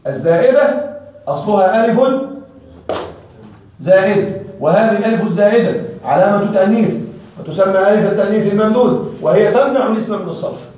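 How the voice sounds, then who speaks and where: A man's voice: sits high, fast talker, dark tone. A man teaching an Arabic grammar lesson to a class, explaining patiently and often checking that his students follow. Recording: echoey classroom from far off.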